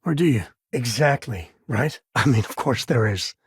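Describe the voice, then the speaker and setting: Sam Coe, husky folksy space cowboy. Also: male voice, medium pitch, lively intonation, normal speed, no room sound, studio quality. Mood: wry, easygoing. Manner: folksy, wry, conversational. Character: easygoing, wry space cowboy pilot and father. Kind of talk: video game voice acting.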